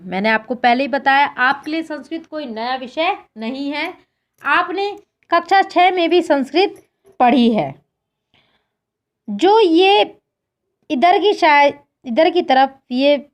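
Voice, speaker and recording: A woman teaching a school Sanskrit lesson in speech, slowly reciting word forms and patiently addressing her pupils as children. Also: high voice. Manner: slow, deliberate recitation of declensions.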